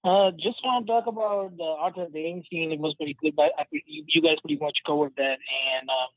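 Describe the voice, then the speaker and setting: A man's voice: on the high side, brisk, dry recording. A man calling in to a show over a tinny phone line, chatting casually. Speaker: caller. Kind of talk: casual call-in chat.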